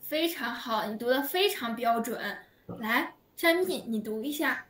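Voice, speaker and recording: High, bright woman teaching slowly. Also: expressive. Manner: slow, patient, drawn-out words for learners. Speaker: Chinese teacher. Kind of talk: online language lesson. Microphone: video call. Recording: echoey room, heard from a distance.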